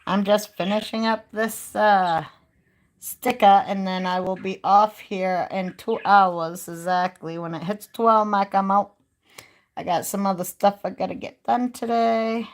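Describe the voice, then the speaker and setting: A woman's voice: medium pitch, fairly even intonation, measured pace. A woman chatting casually on a live stream and talking straight to her viewers in a folksy, easygoing way. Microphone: phone.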